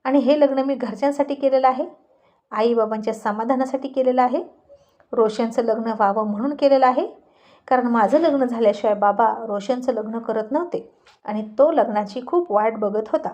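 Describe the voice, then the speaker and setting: A woman's voice: fairly high pitch, normal speed, a little mellow, natural voice. Woman voicing Rohit, curt irritable young husband. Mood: explaining. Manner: snappy, stammers when caught lying.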